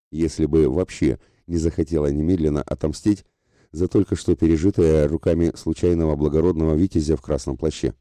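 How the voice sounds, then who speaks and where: Male narrator, first-person audiobook, steady measured reading, very deep, dry. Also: no room sound.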